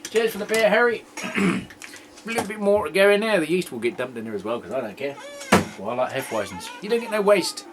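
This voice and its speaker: Rambling homebrew host. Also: male voice, on the high side, sing-song, quick pace, noisy background. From England. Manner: rambling, joking, throat-clearing. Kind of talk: casual homebrew tasting chat.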